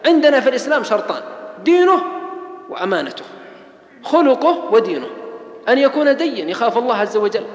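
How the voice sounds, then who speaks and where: A man preaching a religious lecture at a fast clip, his voice pitched high for a man. He drives his points home with oaths and piled-up lists, and the sound rings out in a large hall with a long, roomy reverb. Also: very animated, dull audio. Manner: emphatic, oath-laden preaching with rhetorical lists.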